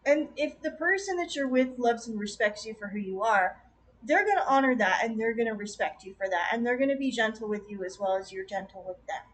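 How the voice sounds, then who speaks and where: A woman giving a casual, rambling tarot reading on a stream, with gentle, encouraging advice and chatty asides. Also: fairly high pitch, lively intonation, brisk, rough recording. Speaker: tarot reader.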